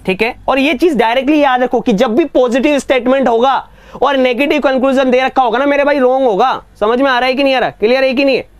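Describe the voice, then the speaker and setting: A man teaching an online reasoning class, often asking whether students have understood and reading statements out slowly. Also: extremely high pitch, smooth, dry recording. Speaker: exam coaching teacher.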